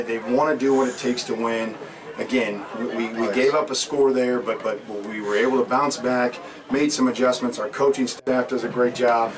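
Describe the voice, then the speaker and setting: Coach talking from across a loud stadium. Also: male voice, medium pitch. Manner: earnest, repeats words, many ums. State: recovering breath after running. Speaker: head football coach. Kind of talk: postgame interview. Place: outdoors at a stadium after a game. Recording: distant mic with loud crowd.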